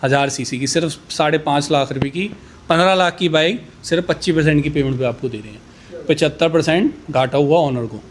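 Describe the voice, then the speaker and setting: A man pitching used superbikes in a casual, boastful way, rattling off price countdowns. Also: brisk.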